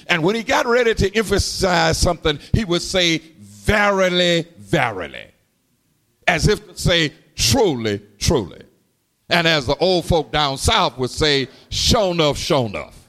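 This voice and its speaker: A man preaching a sermon in a rhythmic, call-and-response style, dropping to low murmurs and rising to sung shouts. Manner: repeats and calls to the congregation.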